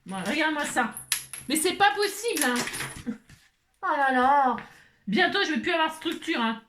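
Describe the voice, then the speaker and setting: A woman's voice: sits high, lively intonation, normal speed, a bit bright. Chatty exasperated French craft host woman. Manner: chatty, exasperated, keeps adding "hein". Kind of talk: casual crafting tutorial. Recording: echoey room, faint noise.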